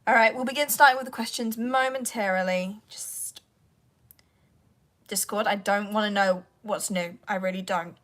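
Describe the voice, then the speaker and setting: A woman voice actor, her throat sore and croaky, rambles casually to her livestream audience and talks to herself while wrestling with her devices. Her voice is medium-pitched and a bit bright, with a steady tone and normal speed.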